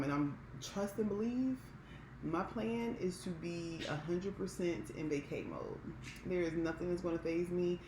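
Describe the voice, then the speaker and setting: A woman with an American accent chatting casually and candidly to viewers as a vlogger, with an emphatic way of talking. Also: on the low side. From Maryland, United States. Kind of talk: casual mukbang chat to viewers. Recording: roomy echo with background hiss.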